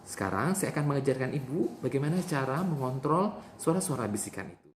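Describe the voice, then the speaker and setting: A man's voice: mid-range voice, lively intonation, a little fast. A man playing a nurse in a role-play demonstration, patiently repeating the patient's answers back to her. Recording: echoey room with faint noise.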